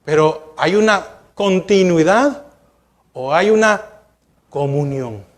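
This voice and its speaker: Pastor, male, high voice, preaches with rhetorical questions and direct appeals to the pews. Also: lively intonation, takes it slowly. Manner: asks the congregation rhetorical questions; addresses listeners directly, urging them to look and listen. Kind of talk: sermon.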